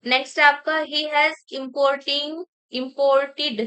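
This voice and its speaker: A woman teaching an exam-prep grammar lesson, slowly dictating example sentences and explaining each correction. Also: high voice, little pitch movement, a bit bright, poor audio. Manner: mixes Hindi explanation with English sentences.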